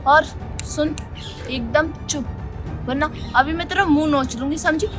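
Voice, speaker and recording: A woman's voice: high voice, measured pace, music in the background. A young woman acting a drunk, brash girl who talks back defiantly on a street. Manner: slurring, defiant, shouting back. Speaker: drunk younger sister-in-law. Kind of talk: web sketch acting.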